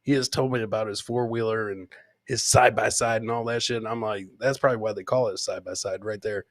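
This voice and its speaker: This male podcast host speaks fast in a lowish, steady voice with no echo. His talk is an informal live comedy session where he reads out viewer comments and responds, swearing and using plenty of fillers.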